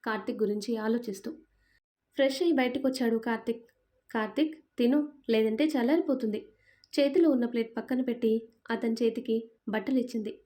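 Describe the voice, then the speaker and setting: Warm-voiced woman telling a family story. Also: on the high side, steady tone, quick pace. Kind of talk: scripted story narration.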